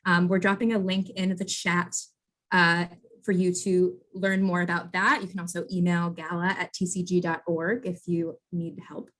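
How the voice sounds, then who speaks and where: A woman in her late twenties hosting an online conference panel over a video call, talking in a warm, grateful, bubbly way. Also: lowish voice, little pitch movement, moderate pace. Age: 20s. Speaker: event production manager and conference host.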